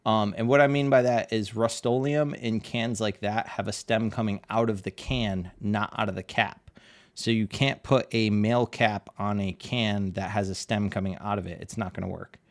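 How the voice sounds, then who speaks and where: While drawing on a live stream, a man chats casually and answers viewer questions in a loose, rambling, relaxed way. His voice sits on the low side, with fairly even intonation and a normal speed.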